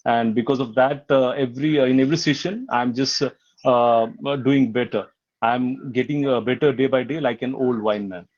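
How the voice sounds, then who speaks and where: A man's voice: medium pitch, fairly even intonation, normal speed, a little mellow, muffled recording. A man from Maharashtra, a language learner speaking hesitantly with many fillers and restarts. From Maharashtra, India.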